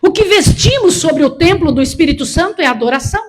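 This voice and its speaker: A sixty-year-old Brazilian missionary preaches a sermon to a church congregation in a very high-pitched, animated voice at a fairly quick pace. She is emphatic and repetitive, urging her listeners on with direct commands.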